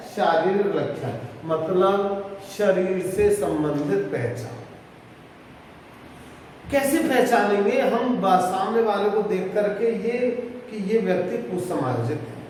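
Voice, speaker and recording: A man's voice: high-pitched, lively intonation, a little slow, a little mellow, a little hiss or hum. A male psychology teacher giving an exam-prep lecture, explaining step by step and checking in with rhetorical questions. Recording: echoey room, distant mic, faint background.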